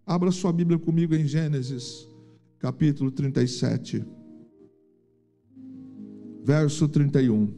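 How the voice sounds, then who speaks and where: Brazilian accent, male pastor, high voice, emphatic sermon, faint music behind, church. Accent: Brazilian Portuguese. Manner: emphatic, animated preaching.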